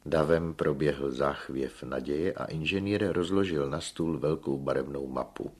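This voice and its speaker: A man narrating a story aloud in a measured, expressive reading. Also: rumbling low. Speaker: audiobook narrator.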